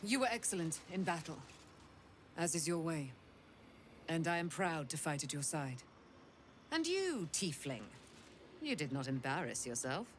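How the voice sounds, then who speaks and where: A solemn paladin knight from a fantasy game, formal archaic speech, lowish voice, very unhurried. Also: female voice, very animated, a little hiss or hum. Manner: measured, formal, archaic phrasing. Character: stern female paladin knight, proud and formal. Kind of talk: video game voice acting.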